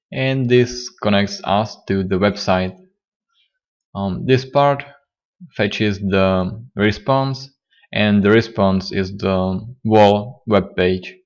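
A man with a slightly hoarse, lowish voice walks through a coding tutorial. He speaks slowly and haltingly, pausing often and restarting his sentences as he explains each step. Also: lo-fi sound. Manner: halting, many fillers and restarts. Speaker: programming tutor. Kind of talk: screen-recorded coding tutorial.

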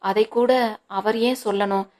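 A woman's voice: mid-range voice, fairly even intonation, unhurried, darkish tone, close to an everyday voice. A woman reading the part of an angry, stubborn young wife in a storybook, speaking sharply and indignantly.

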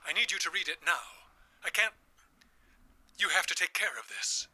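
A man's voice: sits high, lively intonation, moderate pace, sharp tone, full character voice. An actor playing a frantic, secretive old grandfather who stammers and pleads urgently. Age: older. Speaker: grandfather on a payphone.

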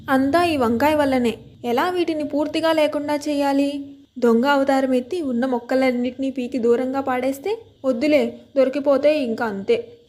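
A woman reading a story aloud in the first person, lively and expressive. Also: sits high.

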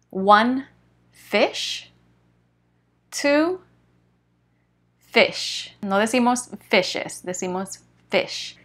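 Woman teacher, extremely slow careful delivery, drawn-out model words, mid-pitched voice. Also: fairly bright tone. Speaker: English teacher. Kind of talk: slow, clear English pronunciation lesson.

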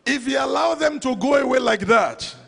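Gravelly, husky and a touch bright, this extremely high-pitched male voice moves at a moderate pace with lively intonation. The speaker, a middle-aged Nigerian-accented man, gives an emphatic, impassioned sermon on a handheld microphone, repeating phrases for effect before a congregation in a large church hall. It's a live church PA recording with a faint crowd.

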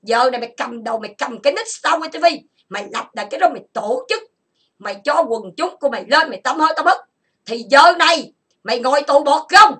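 A woman from Vietnam who hosts an online chat room, delivering an angry monologue full of insults and grievances, listed in rapid bursts. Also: high-pitched, animated, a bit bright, breathy edge.

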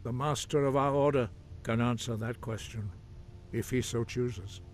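A man voicing a solemn, stern old monk in a video game, speaking in a grave, measured, lecturing way. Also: mid-range voice, steady tone, faint music behind, close to an everyday voice. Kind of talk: game character dialogue.

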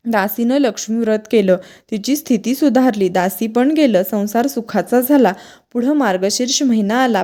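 A woman reading a devotional vrat story aloud in steady, measured short phrases. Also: mid-range voice.

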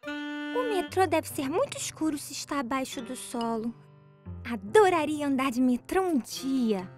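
A curious little cartoon boy, very high and childlike. His delivery is eager and lively, with faint music behind. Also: unhurried.

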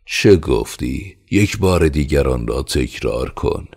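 Man doing an arrogant estate overseer, loud, mocking, domineering, deep, husky. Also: expressive, full character voice. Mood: furious.

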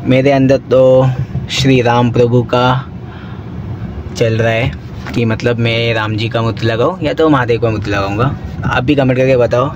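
A man's voice: mid-range voice, fairly even intonation, moderate pace, muffled recording. A young man, chatting casually to his camera as a vlogger, rambling with many fillers and repeats, filmed on a phone in a parked car. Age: young adult. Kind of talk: casual vlog talk to camera. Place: inside a parked small car, daytime. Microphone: phone camera at arm's length. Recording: noisy phone video in a car.

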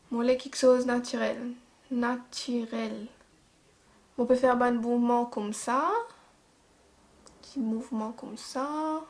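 A young woman with a Mauritian Creole accent, chatting casually through a makeup tutorial and improvising her words as she goes. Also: fairly high pitch. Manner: chatty, improvised, laughs at her own mistakes. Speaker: beauty vlogger.

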